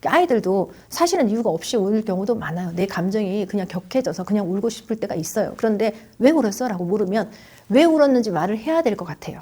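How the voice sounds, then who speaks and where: A woman, a child education expert, calmly explaining parenting advice in an interview and acting out what a parent might say to a child. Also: mid-range voice, quick pace, slightly rough. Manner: calm explaining, acts out parents' questions to a child.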